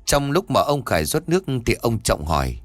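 A man's voice: mid-range voice, moderate pace, no room sound. A man narrating a scripted horror story and voicing its characters himself. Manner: lively, voices the characters' dialogue himself.

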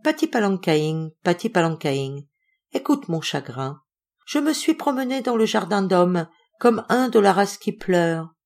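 A woman's voice: mid-range voice, very animated, measured pace, gravelly, darkish tone. A woman reading an audiobook voices a sorrowful, lovesick male ape-man, speaking sadly and tenderly. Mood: sad singing. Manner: sad, tender and plaintive.

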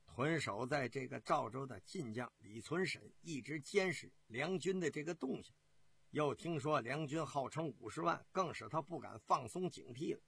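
A man telling a traditional historical story in a lively, rhythmic manner, with drawn-out fillers. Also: medium pitch. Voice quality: husky.

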